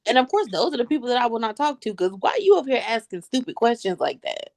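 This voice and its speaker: A woman's voice: fairly high pitch, very animated, fast, a little mellow. A woman in her thirties, a guest on a video-call interview, chatting casually, laughing often and calling the listener honey.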